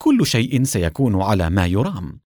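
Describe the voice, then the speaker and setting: A man's voice: on the low side, very animated, normal speed, no room sound, studio quality, voice pushed down. A man reading a soothing, worried father. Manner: quiet, soothing, reasoning. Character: gentle worried father, man, calm and reassuring.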